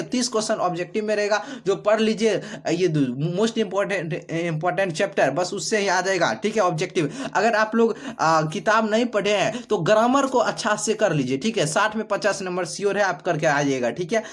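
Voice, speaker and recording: A man, teaching as an exam prep tutor, walks through multiple-choice questions, repeating each answer back as a question with many fillers. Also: high voice.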